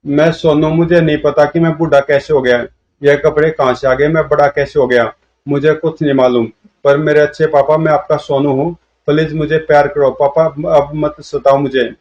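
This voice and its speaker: A man's voice: fairly high pitch, flat delivery, moderate pace, darkish tone, close to an everyday voice. A man voicing an old man over seventy who whines and pleads like a six-year-old boy, in a comic storybook reading. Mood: whining. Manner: childlike, whiny pleading. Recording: dull lo-fi audio.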